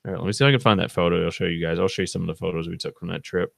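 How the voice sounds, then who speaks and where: A man's voice: sits low, fairly even intonation, racing, vocal fry, a bit bright, no echo, studio quality. A man hosting his channel, telling a casual, rambling story to camera with lots of fillers and self-corrections. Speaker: channel host.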